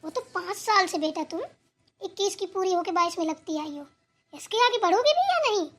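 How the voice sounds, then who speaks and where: A woman voicing a bossy, teasing old grandmother in a cartoon, with quick, blunt retorts. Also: extremely high pitch, expressive, a bit bright, a little hiss or hum. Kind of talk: Hindi cartoon voice acting.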